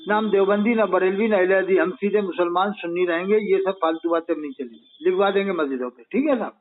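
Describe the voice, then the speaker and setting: A man from Madhya Pradesh speaks on a phone call with a high voice. He advises firmly and reassures the other caller. The sound is narrow and phone-like. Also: fast. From Madhya Pradesh, India. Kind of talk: phone conversation. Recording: tinny phone line.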